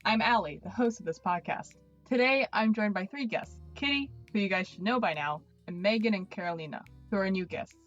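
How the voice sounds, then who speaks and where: A woman hosting a podcast, welcoming guests and reading questions off a list in a relaxed way. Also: medium pitch, brisk, muffled recording, faint music behind. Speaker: podcast host. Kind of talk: casual podcast chat.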